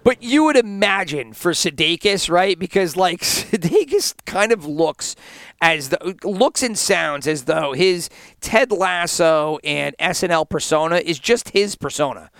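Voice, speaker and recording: A man's voice: high voice, animated, a little slow, vocal fry, fairly bright tone, no echo. A man co-hosting a podcast, chatting casually with a joking, laughing manner. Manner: laughing, jokey, puts on silly voices. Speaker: podcast co-host. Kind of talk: casual chat.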